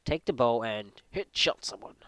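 A man's voice: medium pitch, animated, normal speed, fairly bright tone, dry recording. A man giving crude, joking let's play commentary, swearing at enemies. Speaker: gamer.

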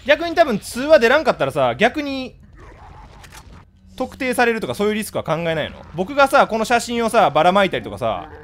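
A man with a Kansai accent chatting casually with his live-stream viewers, blunt and scolding in rapid-fire retorts. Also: high voice, huge pitch swings, a bit bright. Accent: Kansai Japanese.

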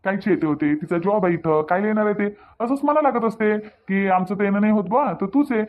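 In a Marathi cartoon story, a man voices a mild, evasive young husband who placates and defends himself, soothing and repeating himself in Vidarbha (Varhadi) Marathi dialect. His high voice is fairly quick and close to everyday speech, and the audio is narrow and muffled.

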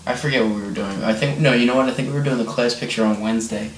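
A man's voice: mid-range voice, very fast, distant mic, a little hiss or hum. A man casually telling a story over gameplay as a gaming channel host, rambling with lots of fillers and correcting himself. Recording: roomy sound, a bit off-mic.

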